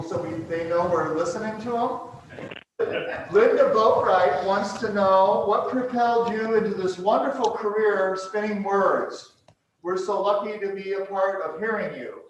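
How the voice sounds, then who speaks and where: A man's voice: sits high, fairly even intonation, moderate pace, muffled recording. A man informally moderating an event as its host, picked up distantly in an echoey, noisy room.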